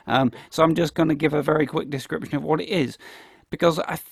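A man's voice: fairly high pitch, steady tone, quick pace, gravelly, husky. A man hosting a casual film discussion in a rambling, informal way. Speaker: podcast host.

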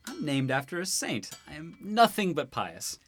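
A man's voice: a little high, wildly swooping pitch, normal speed, soft background music. A man voicing a cocky, teasing young prince and husband in a student radio drama.

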